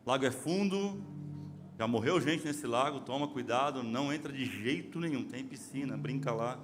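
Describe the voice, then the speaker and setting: A man, preaching a lively sermon as pastor and telling stories to the congregation, calling them brother. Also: mid-range voice, moderate pace. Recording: live church sermon with music behind. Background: soft music.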